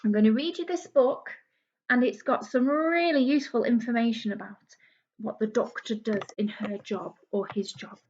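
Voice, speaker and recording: A primary school teacher with a fairly high, slightly mellow voice reads a picture book aloud to young children at a moderate pace. She explains things in simple words and asks her listeners questions. The small camera recording is a little dull and lo-fi.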